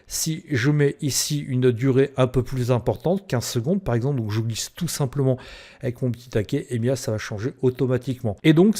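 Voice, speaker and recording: Man guiding a software tutorial, mellow voice. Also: medium pitch. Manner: explains step by step with many fillers. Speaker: tutorial presenter. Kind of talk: screen-recorded software tutorial.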